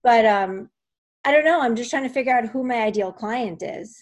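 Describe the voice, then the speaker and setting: A woman's voice: fairly high pitch, moderate pace. A middle-aged woman asking for advice on a coaching call, hesitant and unsure. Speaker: coaching client. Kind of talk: casual chat.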